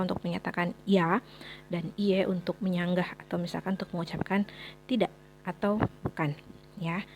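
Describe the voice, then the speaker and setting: A woman's voice: mid-range voice, darkish tone, a little hiss or hum. A woman teaching a language lesson, explaining patiently and repeating each word several times for the listener to practice.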